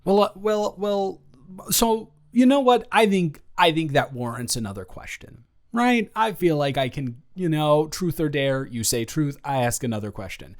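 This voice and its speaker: In an intimate improvised audio roleplay, a man plays an earnest, flustered ex-boyfriend who stammers and trails off, sounding incredulous yet hopeful. His voice is on the high side and animated, at a normal speed.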